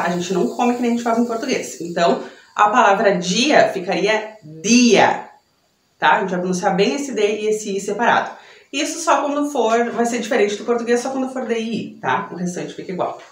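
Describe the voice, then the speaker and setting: A young woman from Brazil teaching a Spanish pronunciation lesson in a chatty way, checking in with her students after every point. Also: mid-range voice. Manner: chatty, tag questions after each point. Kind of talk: online language lesson. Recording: echoey room.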